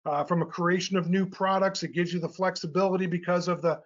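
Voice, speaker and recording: A man's voice: high voice, fairly even intonation, fast talker. A middle-aged man presenting technical slides in a webinar, explaining step by step with frequent uh and um fillers. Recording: slightly dull lo-fi webinar audio.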